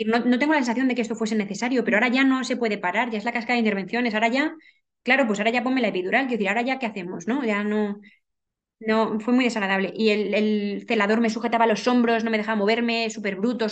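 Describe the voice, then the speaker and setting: A woman's voice: fairly high pitch, steady tone, racing, highs cut off. A woman telling a personal story as a podcast guest, earnest, with many restarts and repetitions.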